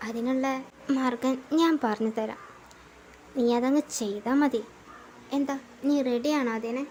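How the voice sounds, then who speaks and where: A woman voicing a calm, sly young man friend who talks in a measured, soothing way in a fan audio drama. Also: slight background noise, close to an everyday voice. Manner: measured, soothing, low and steady.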